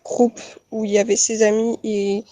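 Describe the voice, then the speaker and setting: A woman's voice: mid-range voice, little pitch movement, moderate pace, warm tone. A young woman giving a casual, rambling testimony full of fillers. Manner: rambling, many fillers like "et tout" and "bref". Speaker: testimony giver.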